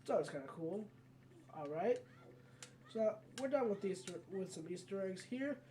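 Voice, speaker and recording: An animated, mid-range voice with a dark tone speaks at normal speed as a let's player gives casual, wandering commentary on a video game, often self-correcting mid-sentence. The mic is at a distance and background noise can be heard.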